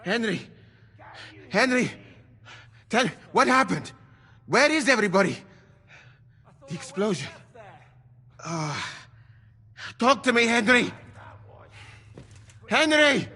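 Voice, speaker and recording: Urgent, forceful male comrade. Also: very high-pitched, big pitch swings, slow pace, long pauses, slightly rough, heavily acted. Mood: alarmed, urgent. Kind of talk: dramatic video game dialogue. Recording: long echoing reverb.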